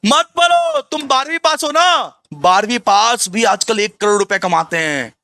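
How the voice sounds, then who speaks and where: A man's voice: very animated, moderate pace, pushed and bright, no room sound, exaggerated voice. A man putting on a pushy telemarketer. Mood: pushy, coaxing. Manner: coaxing, insistent sales pitch. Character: pushy adult male telemarketer talking students out of study.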